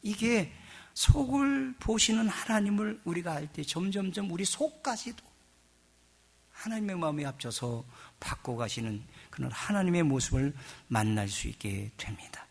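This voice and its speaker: A middle-aged man preaching a sermon as pastor. He swings between hushed asides and loud emphasis and acts out quoted voices in a chatty, joking tone. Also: sits high, animated, moderate pace, creaky, breathy edge.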